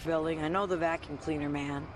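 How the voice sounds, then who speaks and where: Casual woman interviewee in loud street noise. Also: low-pitched, steady tone, fairly quick. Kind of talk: casual chat. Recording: very noisy outdoor interview.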